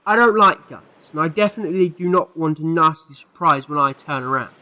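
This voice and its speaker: An eccentric alien time traveller played by a man in an audio drama, with a very bright, forceful, slightly high voice. He is theatrical and wordy, quick to exclaim and firmly against guns. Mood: wary, commanding. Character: the Doctor, eccentric excitable male time-travelling alien, anti-gun. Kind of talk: fan audio drama acting.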